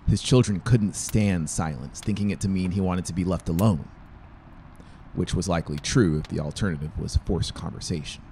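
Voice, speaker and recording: Speaking at a normal speed, this thirties-aged audiobook narrator reads scripted fiction in a low, mellow voice. The setting is a small indoor room with brick walls, where he works close to a boom-mounted dynamic microphone. There's slight background noise and faint music.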